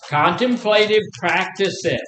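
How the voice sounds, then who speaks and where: A man's voice: slow pace, fairly bright tone, soft background music. An older man in his seventies with a Mississippi Southern accent, giving an informal, folksy teaching talk to a group, repeating phrases and asking rhetorical questions. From Mississippi, United States. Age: 70s. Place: echoey indoor room. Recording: echoey room, faint background noise and rumble.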